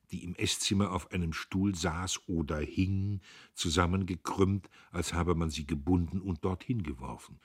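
A man reading a novel aloud as narrator, in a measured, dramatic way. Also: low-pitched, breathy edge. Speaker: audiobook narrator.

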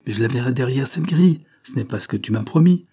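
A man's voice: mid-range voice, expressive, fast, dark tone, husky, voice pushed up. A man doing a big, hot-tempered convict. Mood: demanding.

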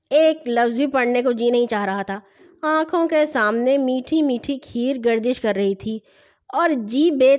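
A woman narrating a children's story with a lively, expressive reading. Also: fairly high pitch. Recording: dull lo-fi recording.

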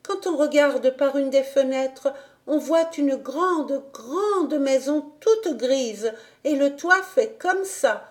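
A woman's voice: sits high, expressive, takes it slowly, voice pushed up. A woman reading an audiobook voices an earnest young girl who explains and stammers. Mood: eager explaining.

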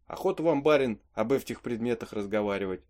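A man's voice: medium pitch, fairly quick, darkish tone, natural voice. A man voicing a curt, grumbling coachman. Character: grumbling middle-aged coachman, displeased and curt. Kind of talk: audiobook reading of a play.

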